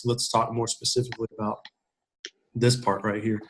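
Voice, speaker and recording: A man's voice: mid-range voice, little pitch movement, moderate pace, fairly bright tone, a little hiss or hum. Man giving rambling encouraging feedback. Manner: rambling, encouraging, with many restarts. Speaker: peer reviewer. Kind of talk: casual video-call feedback. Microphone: video call.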